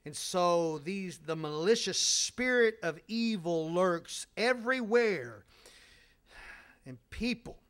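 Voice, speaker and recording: A man's voice: sits high, expressive, slow, a bit bright, clean tone. A man preaching a sermon as a pastor, telling stories in a conversational way with sarcastic humor.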